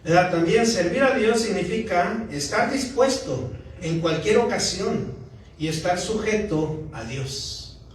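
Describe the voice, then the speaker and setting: A pastor giving a conversational sermon, often checking in with the congregation. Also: male voice, high voice, expressive, a little slow, a little hiss or hum. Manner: conversational preaching, often asking the congregation "¿verdad?". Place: church sanctuary. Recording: echoey church hall from far off.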